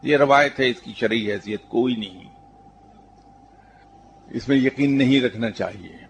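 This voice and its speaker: Guy with a gravelly voice doing a calm spiritual talk, tells stories, drops in english words, bit of faint noise behind. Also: medium pitch. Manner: calm, measured storytelling with English terms mixed in. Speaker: spiritual teacher. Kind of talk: religious talk answering a question.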